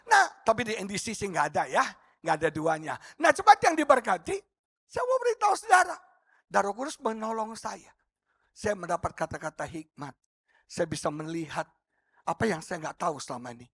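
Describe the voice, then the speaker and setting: A man preaching a sermon as pastor, swinging between loud shouting and near-murmurs. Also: on the high side, fairly quick, breathy edge, dry recording.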